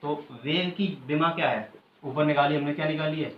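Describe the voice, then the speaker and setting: Man teaching a class, quizzing students. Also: fairly high pitch. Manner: quizzes students, pausing for them to finish answers; repeats key terms slowly and patiently. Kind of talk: classroom physics lecture. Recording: echoey room, muffled, faint hiss.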